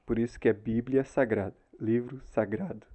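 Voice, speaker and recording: A man's voice: medium pitch, fairly even intonation, moderate pace, warm tone. A man with a Brazilian Portuguese accent giving a Bible lesson to new converts, explaining patiently and ending many phrases with a questioning tag. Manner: explanatory, tags phrases with frequent "né?". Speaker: church Bible teacher.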